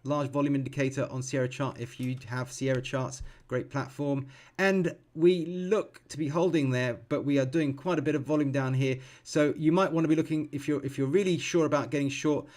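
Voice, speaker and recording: A man in his forties giving live trading commentary, thinking aloud calmly and explaining as he goes, with frequent ums and self-corrections. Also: on the high side, brisk, hardly any pauses. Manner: calm, explanatory, teaching as he watches. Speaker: futures trader streaming live.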